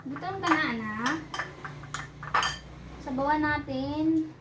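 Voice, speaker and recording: Young woman, mom vlogger, chatty, sing-song baby talk, high voice, recorded on a phone indoors. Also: slow. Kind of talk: casual home vlog. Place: indoors at home. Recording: noisy home recording.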